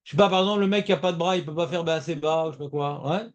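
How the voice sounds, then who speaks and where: A man's voice: a little high, racing. A man teaching a Talmud class, talking emphatically and repeating his points as he explains. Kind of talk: lively Talmud class discussion.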